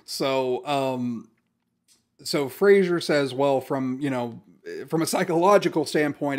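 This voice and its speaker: A man co-hosting a podcast, casually recapping a sitcom episode in a rambling way, acting out quoted lines. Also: mid-range voice. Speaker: podcast co-host.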